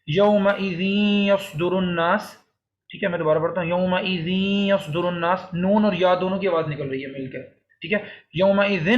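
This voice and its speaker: Guy teaching quran recitation online, kinda high voice, recites verses slow n repeats em, muffled lo-fi audio. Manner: explains step by step, recites verses slowly and repeats them. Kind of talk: recorded online lesson on Quran recitation rules.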